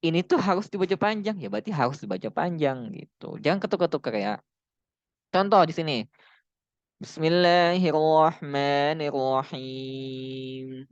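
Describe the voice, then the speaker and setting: A man giving a casual lesson on Quran recitation rules, chatting with his viewers and drawing out the example words slowly. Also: on the high side, big pitch swings, no echo, dull audio. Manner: chatty, drawn-out demonstration recitations. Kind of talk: casual online tajwid lesson.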